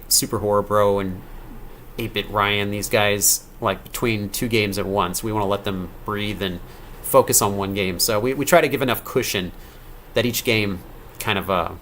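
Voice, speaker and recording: A game developer in his thirties hosts a casual late-night live-stream Q&A, reading donor questions aloud and rambling through his answers while correcting himself. His voice sits on the low side, with a fairly bright tone, at normal speed, plus a little hiss or hum.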